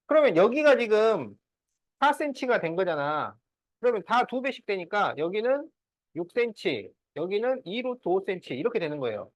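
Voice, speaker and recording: His voice sits high, and the recording is dry. He's a man teaching a math class, going through problems one step at a time and frequently asking whether students are keeping up during the lesson.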